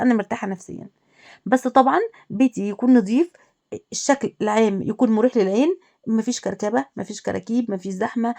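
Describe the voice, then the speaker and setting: A woman's voice: a little high, a little mellow. A woman with an Egyptian Arabic accent, a home lifestyle vlogger giving casual advice straight to women viewers, listing and repeating her points. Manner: talks directly to the listener, listing and repeating points.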